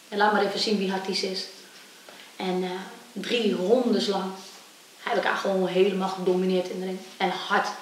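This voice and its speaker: A woman's voice: mid-range voice, distant mic. A young woman recounts her life as a fighter in an interview, throwing herself into the voices of the people she quotes. She sits back from the microphone in a very echoey room, with faint hiss beneath her voice. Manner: animated storytelling, acting out quoted voices. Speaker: kickboxer. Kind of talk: personal interview storytelling.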